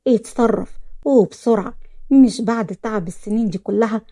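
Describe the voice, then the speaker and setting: A woman's voice: on the high side, moderate pace, mellow. A woman with an Egyptian accent voicing a jealous, manipulative young woman who whines and pleads. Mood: scheming.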